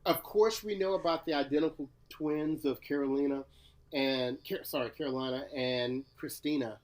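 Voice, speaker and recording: A man's voice: a little high, normal speed. Man, from Louisiana, podcast co-host, casual chat, playful, teasing. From Louisiana, USA. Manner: laid-back, playful, teasing.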